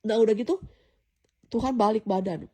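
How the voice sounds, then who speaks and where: A woman's voice: on the high side, normal speed, warm tone, breathy edge. A woman casually telling viewers about a dream, in a rambling way, repeating herself, with many fillers and restarts. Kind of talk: casual spoken testimony addressed to viewers.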